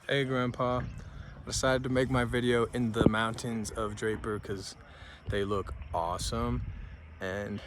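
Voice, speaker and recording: A man's voice: mid-range voice, flat delivery, measured pace, noisy background. A young man recording a grateful birthday message outdoors in the mountains, talking casually. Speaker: grandson.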